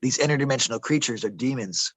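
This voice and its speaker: Outdoors in a desert camp, a man with a medium-pitched, slightly bright voice rattles off rambling, conspiratorial stories at a fast clip in a casual interview. He keeps saying "bro" and "man" and stumbles on some words. No echo is present.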